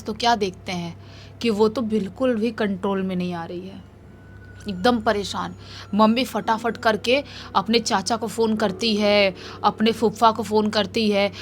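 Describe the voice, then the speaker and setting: A woman telling a real-life horror story in a lively, animated way. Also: medium pitch, slight background noise.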